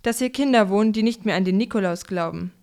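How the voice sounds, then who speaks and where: A woman's voice: medium pitch, fast, a little mellow, close to an everyday voice. A woman voicing a grumbling old bearded Saint Nicholas in a children's story. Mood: gruff. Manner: grumbling, gruff.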